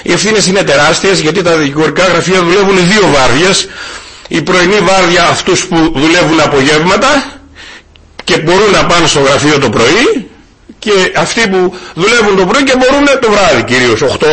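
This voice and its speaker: A man's voice: a little high, expressive, background noise. A middle-aged man from Greece preaching a sermon, building emphasis and telling a personal story with quoted phone dialogue. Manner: preaching with rising emphasis, tells stories quoting a phone call.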